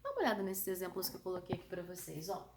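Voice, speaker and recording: A woman with a São Paulo countryside Brazilian accent teaching an online grammar lesson, lively and emphatic, often checking with her students. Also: on the low side, racing, a little hiss or hum. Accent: São Paulo countryside Brazilian Portuguese. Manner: lively, emphatic, asks the class checking questions. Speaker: Portuguese teacher.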